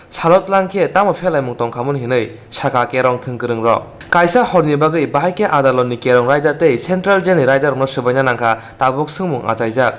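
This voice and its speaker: A man anchoring a news bulletin, reading the report in a steady, even way. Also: medium pitch.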